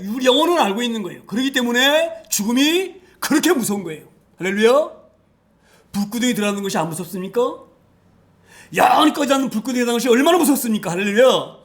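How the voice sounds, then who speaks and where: Male pastor preaching, high voice, lots of hallelujahs and rhetorical questions, swings loud then soft. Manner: emphatic, rhetorical questions, frequent hallelujahs, wide swings in loudness. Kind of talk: sermon.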